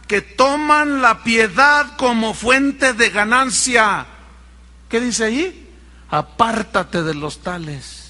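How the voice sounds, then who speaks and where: Mexican pastor, male; animated preaching with mocking asides, pitched high. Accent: Mexican Spanish. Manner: animated, mocking impersonations of others. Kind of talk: sermon.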